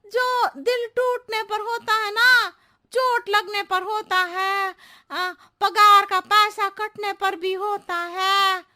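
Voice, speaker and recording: A woman's voice: very high voice, little pitch movement, takes it slowly, bright, forceful tone, full character voice. A woman playing a cheeky, whiny, scatterbrained housemaid who talks in circles in a comic cartoon story. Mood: evasive, riddling. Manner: roundabout, riddling, pleading. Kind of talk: comic animated story dialogue.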